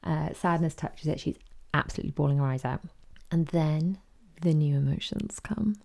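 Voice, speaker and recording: A woman's voice: deep voice, moderate pace, vocal fry, darkish tone. A woman, hosting a podcast and chattily retelling a story with quoted voices. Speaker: podcast host. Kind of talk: casual chat.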